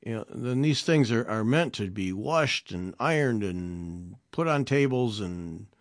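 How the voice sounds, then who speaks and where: A man hosting a casual interview, talking in a relaxed, halting way with frequent restarts. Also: fairly low pitch, no echo, studio quality.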